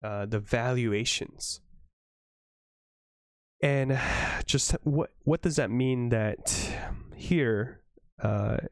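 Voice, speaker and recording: A man leading a Bible study, reading scripture aloud and breaking off for earnest, excitable asides and self-corrections. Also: medium pitch, extremely slow, pauses often, dry recording, clean studio sound. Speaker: Bible study leader reading to a live audience. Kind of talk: Bible reading with informal commentary.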